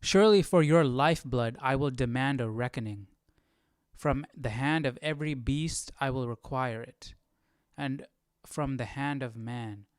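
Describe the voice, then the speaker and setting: A man with a smooth, medium-pitched, unhurried voice hosts a live Bible study, reading passages and musing on them informally. He thinks out loud and poses questions as he goes, and the sound has no echo.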